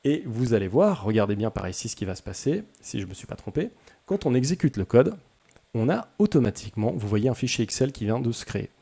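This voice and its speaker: A man's voice: medium pitch, very animated, brisk, vocal fry, warm tone, slightly rough. A young man hosting a casual coding tutorial, chatty and self-deprecating, with many hesitations.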